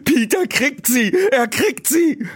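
A man voicing a frantic, excitable young male detective in an audiobook, shouting high and urgently with a husky voice. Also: slow, heavily acted. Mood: frantic cheering.

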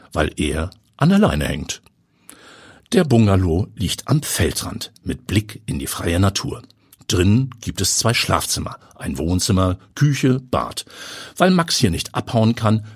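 Husky male storyteller, lively. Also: low voice, measured pace, no echo, studio quality. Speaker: audiobook narrator. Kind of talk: scripted narration.

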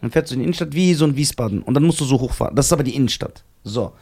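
A man hosting a podcast, telling personal stories in a casual, animated, slangy way. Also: mid-range voice, very fast. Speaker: podcast host.

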